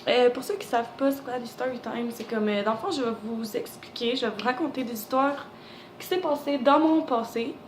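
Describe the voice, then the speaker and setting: Quebec French teen girl, a bit high, rambling storytime vlogger, roomy echo. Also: brisk. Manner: chatty, many fillers, acts out the dialogue. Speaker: YouTuber. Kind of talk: casual storytime vlog. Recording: echoey room, faint background noise.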